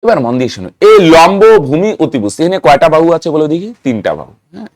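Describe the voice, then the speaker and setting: A man's voice: on the high side, sing-song, fast, a little mellow, no room sound. Man, math teacher, raised voice, dry close sound, chants memory rhymes. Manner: rhythmic mnemonic chanting, asks students questions. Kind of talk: classroom lesson.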